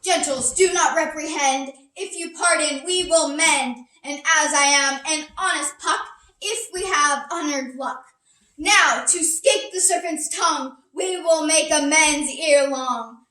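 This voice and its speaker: A woman playing the mischievous sprite Puck, speaking rhyming stage verse in a slow, measured way. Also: high-pitched, bright, forceful tone. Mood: playful, gentle. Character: Puck, a mischievous sprite bidding the audience goodnight. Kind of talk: classical stage verse recital. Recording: echoey room, distant mic.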